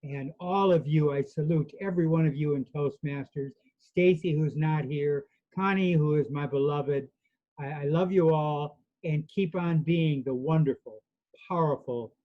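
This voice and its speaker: A man's voice: a little high, normal speed, dull audio. Earnest man speaking off the cuff. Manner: earnest, emphatic, rambling. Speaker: meeting participant answering a table topic. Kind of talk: impromptu speech. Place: online club meeting.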